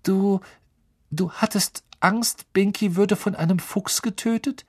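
A man's voice: high voice, slow, husky, no echo, clean studio sound, voice pushed up, full character voice. Man doing a careful, lecturing schoolgirl. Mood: hesitant. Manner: careful, reasoning, a bit lecturing. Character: earnest, know-it-all schoolgirl.

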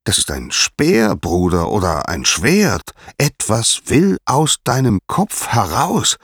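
A man's voice: fairly low pitch, big pitch swings, slow pace, a bit bright, husky, no echo, clean studio sound, voice pushed up, full character voice. A man voicing the sea god Poseidon as a curious, questioning brother. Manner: questioning, wondering.

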